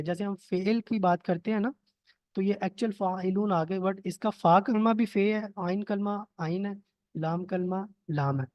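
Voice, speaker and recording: A man with a high, slightly mellow voice teaches Arabic grammar in an online lesson, recorded dry through a computer mic on a video call. He explains patiently, step by step, and often checks in with his students by asking "theek hai?"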